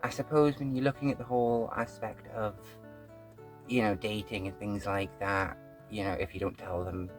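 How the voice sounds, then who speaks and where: A woman's voice: a bass voice, steady tone, normal speed, soft background music. A woman hosting a casual reaction video, talking frankly with plenty of fillers and restarts. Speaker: host.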